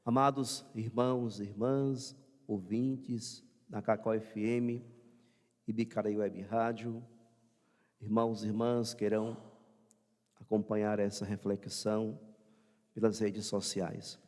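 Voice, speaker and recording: A Brazilian man, a priest, reading the Gospel and preaching a Sunday homily with measured pauses. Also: on the low side, level tone, a little mellow. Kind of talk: Sunday homily broadcast on radio. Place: church. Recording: church hall reverb.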